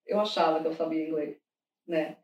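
A Brazilian woman with a Brazilian Portuguese accent chatting casually, telling animated stories, laughing often and acting out what others said. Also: low voice, normal speed, highs cut off, crowd noise. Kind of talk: casual chat. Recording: roomy sound from a distant mic.

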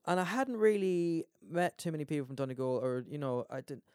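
A man's voice: fairly high pitch, lively intonation, fairly quick, darkish tone, clear, resonant tone, no echo, clean studio sound. A man with an Irish accent in casual chat as a podcast host, rambling emphatically with swearing and frequent "man". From Ireland.

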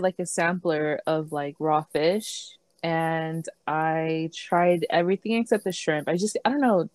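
A young woman with a slightly low voice chats loosely on a podcast, giggling often and leaning on fillers. She sounds close to the mic in a dry, dead room. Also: a little mellow, no room sound. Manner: giggly, chatty, lots of fillers. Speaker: podcast co-host. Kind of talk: casual chat.

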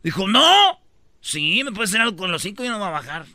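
A man's voice: high voice, very fast. A man hosting a radio show, telling a long joke and acting out every character's lines. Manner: animated storyteller, acts out the characters' lines.

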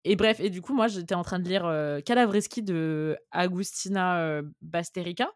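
A woman's voice: fairly low pitch, moderate pace, no room sound, clean studio sound. A woman hosting a casual chat, playful and informal, often breaking off her own sentences. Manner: informal, self-interrupting, playful. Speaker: podcast host.

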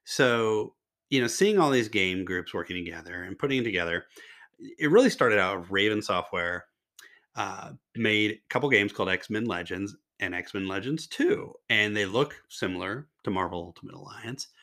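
An older man hosting a solo podcast in a casual, rambling way, sounding nasal and slightly raspy with a mild cold and laryngitis. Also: on the low side, lively intonation, moderate pace, bright, forceful tone. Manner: rambling, conversational, self-interrupting asides. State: mild laryngitis and nose congestion. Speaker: podcast host.

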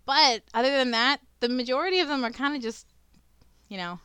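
Giggly, bright-voiced young woman podcaster. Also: high voice, a little fast, clear, resonant tone, dry recording. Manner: laughs often, swears freely, animated storytelling. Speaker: podcast co-host. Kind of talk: casual chat.

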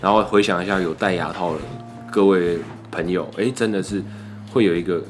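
Fast-talking low-voiced young Taiwanese man. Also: steady tone, music in the background. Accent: Taiwanese Mandarin. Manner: chatty, playful, repeats himself. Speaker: podcast guest. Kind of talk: casual chat.

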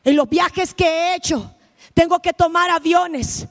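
A woman preaching a missionary sermon, impassioned, swinging between shouted lines and hushed ones. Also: very high-pitched, fairly even intonation, a little slow.

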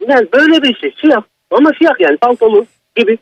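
A man's voice: very high-pitched, lively intonation, fast, no room sound, highs cut off. A man calling in to tell a personal horror story, in an agitated, emphatic manner. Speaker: caller.

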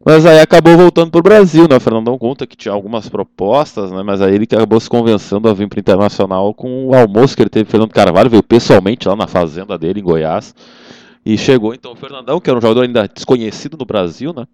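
A man's voice: lowish voice, fast, warm tone, dry recording. A man hosting a casual football chat, conversational and often adding tag questions. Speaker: football show host.

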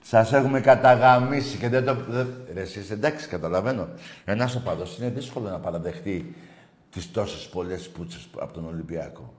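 A man hosting a rowdy football call-in show, swearing at callers and shouting in bursts. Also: sits low, echoey room.

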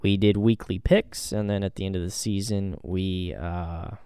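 Laid-back man with a smooth, low voice. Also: fairly even intonation, moderate pace, warm tone, dry recording, clean studio sound. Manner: easygoing, hedging with ums and repeats. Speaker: podcast co-host. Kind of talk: casual sports chat.

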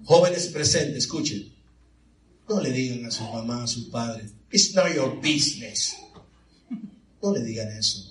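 A man preaching a sermon in a church, animated and calling on the congregation for answers. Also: medium pitch, normal speed, a little hiss or hum. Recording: echoey hall, mic far off.

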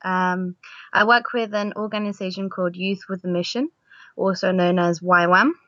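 A woman's voice: on the low side, fairly even intonation, normal speed, a bit bright, no room sound, highs cut off. A nineteen-year-old woman from Argentina, a missionary guest talking casually in an interview, with many fillers and restarts. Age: young adult.

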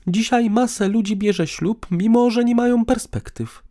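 A man's voice: very high-pitched, normal speed, mellow, pitched above the performer's own voice. A man voicing an irritable, sarcastic young woman in an audiobook, with a raised, tense delivery. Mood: lecturing. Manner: sarcastic, combative. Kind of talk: audiobook dialogue.

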